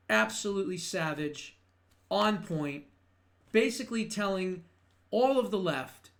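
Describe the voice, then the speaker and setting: A man's voice: sits high, a bit bright. A middle-aged man hosting a political commentary show, talking in an emphatic, sarcastic way with mocking rhetorical questions.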